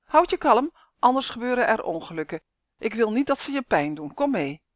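A woman's voice: on the high side, very animated, normal speed, no echo, clean studio sound, pitched above the performer's own voice. A woman doing a scheming, nervous professor. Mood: coaxing. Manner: coaxing, anxious.

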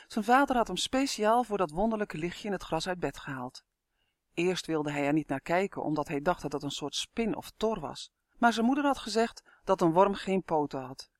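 A man narrating a fantasy children's book with an expressive reading. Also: on the high side, no echo, clean studio sound. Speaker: audiobook narrator. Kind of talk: scripted storybook narration.

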